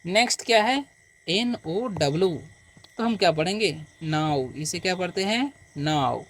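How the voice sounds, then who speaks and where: A man teaching beginner English, explaining slowly and patiently and answering his own questions again and again. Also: high-pitched, animated, a bit bright, slight background noise. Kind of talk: beginner language lesson.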